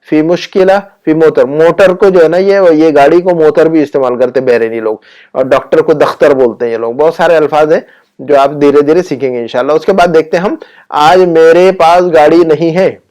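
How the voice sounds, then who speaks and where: A man teaching spoken Arabic, explaining patiently with frequent fillers and slowly repeating example phrases. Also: a little high, a little mellow. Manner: slow, drawn-out repetition of example phrases.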